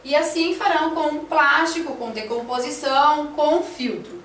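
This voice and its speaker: High-pitched lady walking through a lesson plan, lots of ums and né's, echoey room, sounds far off. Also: measured pace, fairly bright tone, a little hiss or hum. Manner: hesitant, many fillers and "né?" tags. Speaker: teacher presenting a lesson plan. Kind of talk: explaining a classroom lesson plan.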